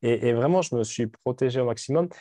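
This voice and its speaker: Speaking fast in a warm, mid-range voice, this vlogger in his late thirties chats candidly to camera from his Dubai home. He wanders off track, restarts sentences, and swears casually, all captured in clean studio audio without room sound.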